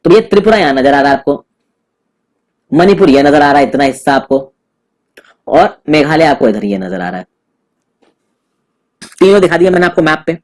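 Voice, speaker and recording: A young male tutor with a fairly high voice gives a relaxed exam-prep lecture. He talks to viewers as friends and mixes in English terms as he walks them through a map. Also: moderate pace, pauses often.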